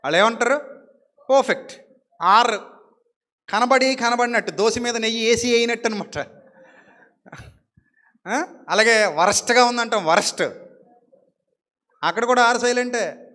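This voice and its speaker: A man's voice: very high-pitched, moderate pace, pauses often, pushed and bright, long reverb tail. A male pastor preaching a sermon in a conversational way, acting out little dialogues and asking the congregation rhetorical questions.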